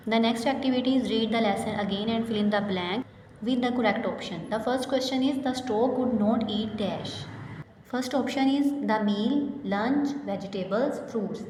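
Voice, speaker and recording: A woman teaching an English class to young students, reading the English slowly and explaining quickly in a mix of Hindi and English. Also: medium pitch, a little mellow. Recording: echoey room with long reverb, faint background noise.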